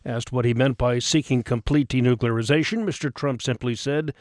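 Guy reading radio news, scripted, mid pitch, really dry studio sound. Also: brisk, a little mellow, dry recording.

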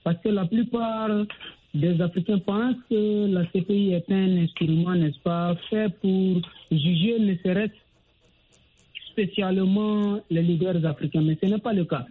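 A man calling in to a radio show over a phone line, speaking formally with many pauses and tag questions. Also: sits high, fairly even intonation. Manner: formal, with many pauses and repeated "n'est-ce pas". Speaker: radio call-in listener. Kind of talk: call-in opinion on a radio show. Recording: tinny phone line with faint noise and clicks.

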